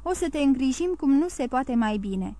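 A woman's voice: high voice, lively intonation, warm tone, no echo. A woman voicing a grim, scheming innkeeper's wife with a tremulous, sly and menacing way of speaking.

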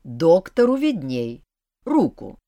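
A sardonic, teasing male demon voiced by a woman reader in a storybook reading. His dry mockery rises and falls in lively pitch, and the voice sits close and dry on the mic. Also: takes it slowly, no echo, heavily acted. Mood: mocking.

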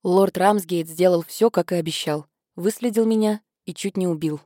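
A woman voicing an easygoing young gentleman who speaks in a casual, offhand way in a read-aloud story. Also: lowish voice, moderate pace, no room sound, studio quality, close to an everyday voice.

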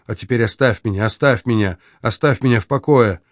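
A man's voice: mid-range voice, a little fast, no echo, close to an everyday voice. A bitter, anguished young woman, voiced by a male audiobook reader. Her words come pleading and then turn contemptuous and threatening. The sound is dry and close, with no room around it. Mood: anguished despair.

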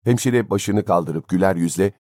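A man reading a story aloud as an audiobook narrator, in a measured, expressive way. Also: sits low, no echo, studio quality. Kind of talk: scripted narration.

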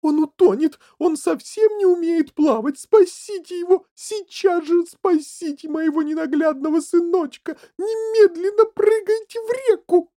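A man's voice: very high voice, unhurried, hardly any pauses, mellow, pitched above the performer's own voice. A man reading an audiobook and voicing a doting middle-aged mother who shrieks and wails at her son. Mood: frantic shrieking. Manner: shrieking and wailing.

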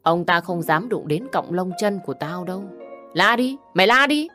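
A spiteful young woman jeers and goads in this audio story, voiced by a woman reader. The voice sits low and carries a bullying, mocking edge. Faint music plays underneath. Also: moderate pace, lightly acted. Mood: taunting. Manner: taunting, insulting, picking a fight.

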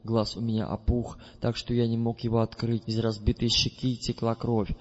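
A man narrating an audiobook in the first person, his mid-pitched voice measured and deliberate. The sound is slightly muffled and lo-fi, with a long reverb trailing after each phrase. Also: completely flat delivery. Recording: dull recording with long reverb.

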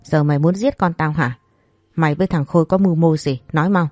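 A woman's voice: quick pace, a little mellow, no echo, clean studio sound, lightly acted. A woman voicing a furious, hysterical rich middle-aged mother who scolds and curses. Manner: shrill scolding, cursing.

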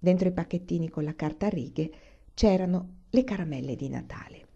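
Mellow-voiced woman reading a children's story. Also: on the low side, creaky, husky, lo-fi sound. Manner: calm, unhurried storytelling. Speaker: reader. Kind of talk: reading a children's novel aloud.

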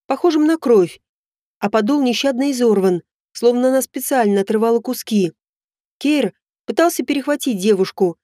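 Brief: female audiobook narrator, steady read, slightly high pitch, dry studio sound. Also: no echo. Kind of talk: scripted first-person narration.

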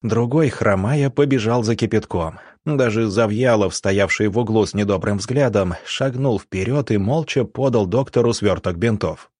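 A male audiobook narrator tells the story in a tense, measured way. His low voice has a husky grain. It is recorded close and dry, with no room sound. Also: a little mellow, dry recording.

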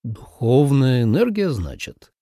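A man voicing a calm, patient young male god who speaks in a subdued, measured way. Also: medium pitch, no room sound, studio quality.

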